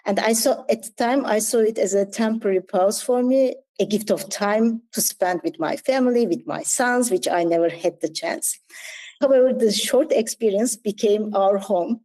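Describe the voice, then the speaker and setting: A woman's voice: medium pitch, moderate pace, dark tone, rough recording. A woman in her forties from Turkey with a Turkish accent, a guest telling her story candidly and reflectively in an interview, with small slips in her English. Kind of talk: interview conversation.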